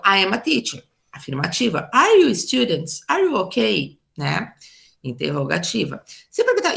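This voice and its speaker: A woman's voice: medium pitch, creaky, fairly bright tone. A woman from Brazil, an English teacher explaining grammar in an online class, patient and repeating herself with little checks.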